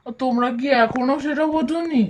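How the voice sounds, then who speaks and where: Woman voicing a gentle earnest young boy. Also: high voice, fairly quick, very noisy, lightly acted. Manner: earnest, soothing. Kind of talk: doll story voice acting.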